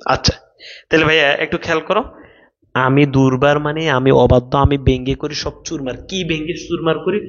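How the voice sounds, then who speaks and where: A man teaching an online class, explaining slowly, repeating each line for students to write down, and reading out chat questions. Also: a little high, fairly even intonation, highs cut off. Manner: reads out questions from live chat.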